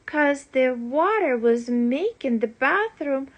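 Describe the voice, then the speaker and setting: The recording is muffled, but a woman's high voice comes through as she reads a rhyming children's storybook in a parent's expressive, deliberate storytelling manner.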